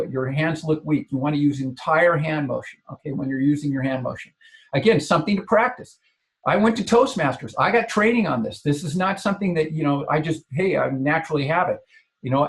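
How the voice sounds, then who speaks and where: A man coaching an audience on body language, repeating key phrases and checking in with "okay" and "all right". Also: on the high side. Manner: frequent verbal restarts and filler checks like "okay". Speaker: business coach.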